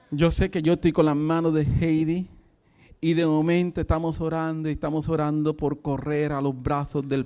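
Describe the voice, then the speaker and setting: Fervent preacher, high voice. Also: male voice. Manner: fervent storytelling, breaks into laughter and shouts. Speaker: pastor. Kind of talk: sermon.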